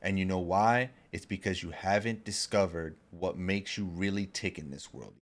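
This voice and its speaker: A man's voice: deep voice, moderate pace. Profane emphatic man in his thirties. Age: 30s. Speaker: podcast co-host. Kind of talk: casual podcast chat.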